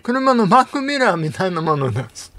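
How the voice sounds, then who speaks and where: A male seismologist whose first language is English, speaking in a nasal voice with air escaping through the nose, slow and halting with many fillers. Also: sits high, big pitch swings, pushed and bright. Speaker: guest seismologist. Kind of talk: radio interview.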